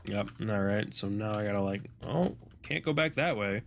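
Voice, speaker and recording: A man's voice: fairly low pitch, expressive, moderate pace, vocal fry, a bit bright, a little hiss or hum. A man streaming a game, chatting casually, rambling and joking with the odd swear. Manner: rambling, jokey, swears, laughs. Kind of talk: casual gameplay commentary.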